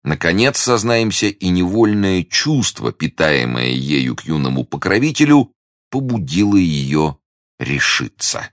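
A man narrating a classic novel as an audiobook in a measured, even storytelling manner. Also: sits low, no room sound, clean studio sound. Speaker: audiobook reader.

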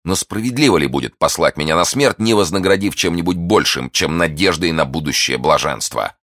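A man's voice: low voice, animated, brisk, a bit bright, dry recording, studio quality. A man voicing an ardent, impulsive young male swordsman in an audiobook, speaking in passionate exclamations. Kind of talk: audiobook character reading.

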